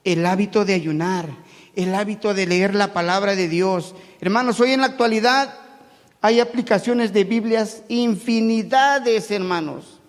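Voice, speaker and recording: A man's voice: high voice, unhurried. Mexico City man preaching in a hall. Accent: Mexico City Spanish. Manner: shifts between loud preaching and quiet conversational asides. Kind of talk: sermon. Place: church hall.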